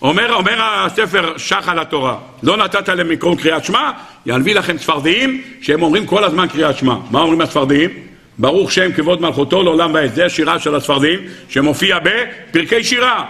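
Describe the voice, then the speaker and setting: A man's voice: a little high, expressive, bright, forceful tone. A man giving a Torah sermon, asking rhetorical questions in a sing-song way and acting out the voices he quotes. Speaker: rabbi teaching a Torah lesson.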